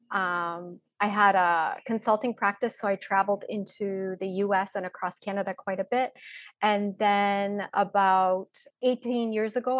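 A woman's voice: medium pitch, no echo, studio quality. A woman in her forties from Poland, a breathwork and mindset mentor, talking openly and reflectively as a podcast guest, with frequent fillers. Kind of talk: casual interview talk.

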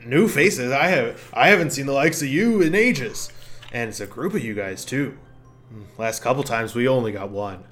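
A man voicing an ancient, friendly talking mushroom with a gruff voice and a halting, rambling, folksy way of talking, in a fantasy tabletop game. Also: medium pitch, lively intonation, a bit bright, soft background music, close to an everyday voice. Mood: surprised, delighted.

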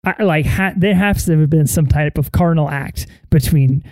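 A man's voice: fairly high pitch, normal speed, a little mellow, no echo. A man co-hosting a casual film review podcast, talking in a laid-back, slangy, mocking way. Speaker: podcast co-host.

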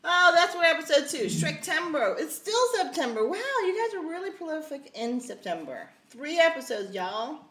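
A woman's voice: sits high, sing-song, moderate pace, hardly any pauses, a bit bright. A woman chatting as a podcast guest, playful and giggly, often breaking into laughter. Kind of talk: casual podcast chat. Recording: roomy echo.

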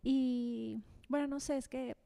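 A woman's voice: high-pitched, steady tone, slow, gravelly, mellow. A married woman, chatting casually about faith with many fillers and frequent laughs. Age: adult, married. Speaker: co-host.

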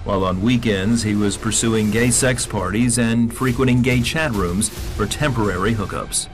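A man reading scripted documentary narration in a measured, even way. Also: lowish voice, faint music behind.

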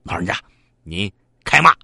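A man's voice: very animated, moderate pace, vocal fry, pushed and bright, slightly rough, no room sound, clean studio sound, full character voice. A man voicing a whiny male duck thief who yelps and pleads. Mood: wheedling. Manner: high yelping wails and wheedling.

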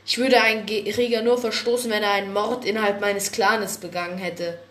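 A woman doing an icy, calm tomcat leader. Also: mid-range voice, brisk, lightly acted. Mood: cold. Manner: cold, controlled. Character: calm icy male warrior cat clan leader.

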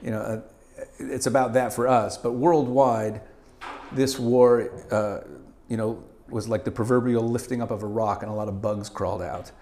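At a moderate pace and with a mid-range voice, a middle-aged Canadian man speaks as a guest in a laid-back interview. He's energetic, laughing easily and frequently stammering before starting over.

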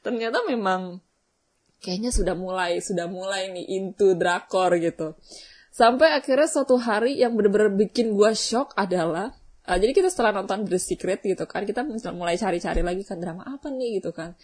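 A woman's voice: medium pitch, a little fast. Chatty young woman telling a story. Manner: chatty storytelling, slangy Jakarta-style, animated when excited. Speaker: vlog host. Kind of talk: casual chat to viewers.

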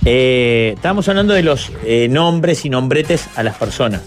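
A man's voice: mid-range voice, animated, normal speed, faint music behind. A man with a Uruguayan accent hosting a radio panel, telling stories in casual, teasing banter and laughing often. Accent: Uruguayan Rioplatense Spanish.

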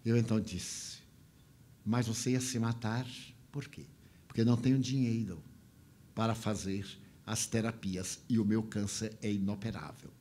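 A man's voice: lowish voice, steady tone, moderate pace, warm tone. An older man giving a spiritual talk, telling a story with feeling and mimicking the voices and sounds of the people in it.

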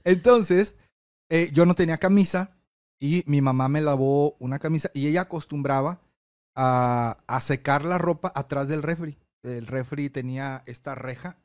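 A man's voice: on the high side, moderate pace, a little mellow, no echo, studio quality. A young man, co-hosting a casual podcast and telling a long rambling story with many fillers. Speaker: podcast co-host.

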